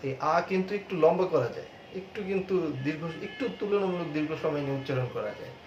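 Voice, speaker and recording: A male teacher giving a classroom lecture on pronunciation, explaining patiently, repeating points and drawing out example words slowly. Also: on the high side, lively intonation, darkish tone. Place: classroom with a board. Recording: echoey room, dull sound, faint hiss.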